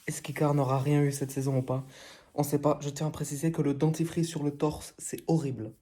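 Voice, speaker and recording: A woman's voice: low voice, little pitch movement, brisk, warm tone. A woman hosting a casual vlog, talking bluntly and swearing freely. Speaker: vlog host. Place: bathroom.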